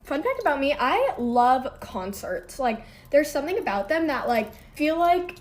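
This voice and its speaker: A woman's voice: high-pitched, sing-song, normal speed. A young woman in her twenties chatting through a get-ready-with-me vlog at her vanity, peppering every sentence with "like". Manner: sings snippets of songs softly. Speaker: social media creator. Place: bedroom vanity at home.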